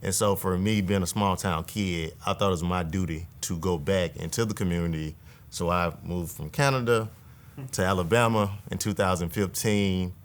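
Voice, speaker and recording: Earnest man, lowish voice, conversational. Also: fairly even intonation, normal speed. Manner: earnest, reflective, tag questions. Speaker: state legislator. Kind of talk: casual conversation.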